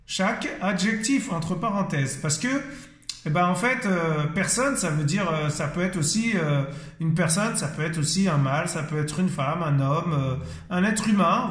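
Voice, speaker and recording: A man's voice: sits high, fairly bright tone. A man teaching an informal Bible word study, enthusiastic and full of exclamations of praise, often hesitating with fillers. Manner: hesitant, many fillers and restarts. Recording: echoey room.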